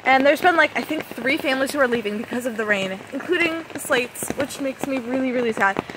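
Young woman talking loudly in heavy rain. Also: high voice, animated, a little fast, noisy background. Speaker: vlogger. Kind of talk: casual vlog chat. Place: outdoors at a campsite under an umbrella in pouring rain. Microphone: phone at arm's length, close to face. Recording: heavy rain drumming on umbrella.

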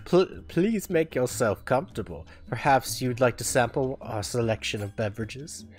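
A polite hotel staffer voiced by a man who talks in formal, courteous service phrases. The voice stays close to a normal speaking voice, with a lively rise and fall. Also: medium pitch, moderate pace, pitched above the performer's own voice, natural voice.

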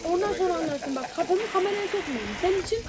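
Very high-pitched exasperated gamer woman. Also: expressive, rapid-fire, a loud crowd, rough recording. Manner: exasperated, often yelling at the game character. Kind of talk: let's play commentary. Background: loud game music.

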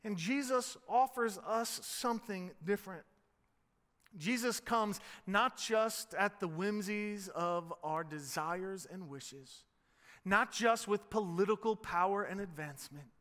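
A man pastor preaching a sermon, acting out cries of the crowd and dropping to soft, low tones for emphasis. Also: slow pace, big-room sound. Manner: preaches with dramatic voiced prayers, then drops soft and low. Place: large church sanctuary.

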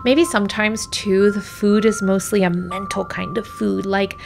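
Her voice medium in pitch, creaky and steady, a woman unhurriedly voices a scripted personal essay over music. The mood is wistful and reflective, and now and then she trails down toward a whisper.

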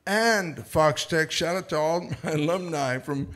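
A man's voice: a little high, unhurried, a bit bright. A man in his sixties from Texas, hosting a casual chat show and teasing his guests with frequent laughter. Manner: joking, teasing, laughs often. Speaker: talk show host.

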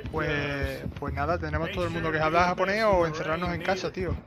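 A man's voice: a little high, fairly even intonation, fast talker. A man chatting casually and joking while streaming a game, often repeating himself. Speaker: gaming streamer. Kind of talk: casual live-stream chat.

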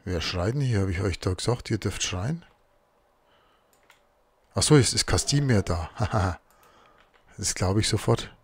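A man's voice: lowish voice, expressive, unhurried, pauses often, breathy edge. A man giving casual let's play commentary, muttering to himself as he works through crafting.

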